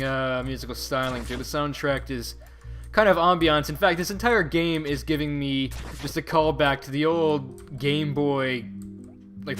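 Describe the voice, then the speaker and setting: A man giving casual first-look game commentary in a wry manner, with quaint, old-fashioned turns of phrase. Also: medium pitch. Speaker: gameplay commentator. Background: game music.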